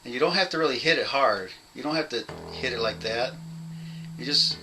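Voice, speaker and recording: A young man casually teaching a bass part at home, rambling, apologizing and laughing at himself as he counts out beats. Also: animated, fairly quick, sharp tone, faint music behind, low-quality recording. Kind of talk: casual home video lesson.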